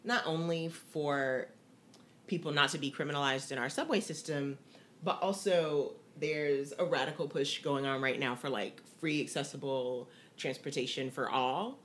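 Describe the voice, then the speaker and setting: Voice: medium pitch, normal speed, a bit bright, slight background noise. A co-host of a casual talk show who explains at length, rambling and checking in with "right?". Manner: rambling, many ums and "right?". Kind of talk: casual chat.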